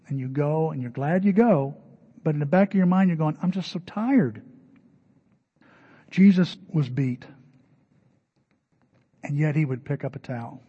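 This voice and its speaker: A middle-aged man preaching a conversational sermon, his voice rising to loud emphatic peaks and dropping to soft, low asides. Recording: dull lo-fi sermon recording.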